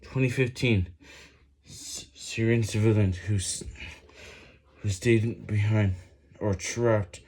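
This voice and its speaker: A man reading a book aloud while doing push-ups, halting and stumbling over words with some physical strain. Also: lowish voice, fairly even intonation, a little mellow. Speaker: reader making a daily reading-while-exercising video.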